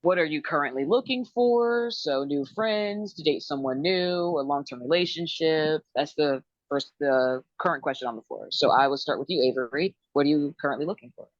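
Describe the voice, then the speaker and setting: Low-voiced upbeat woman host. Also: dry recording, lo-fi sound. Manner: brisk, upbeat roll-call. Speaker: dating show host. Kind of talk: hosting a group call.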